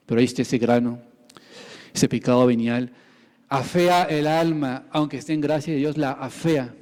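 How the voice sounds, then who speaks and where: A man's voice: medium pitch, a little mellow, big-room sound. A man preaching a sermon as a priest, speaking to children and acting out their replies in a catechizing tone. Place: chapel.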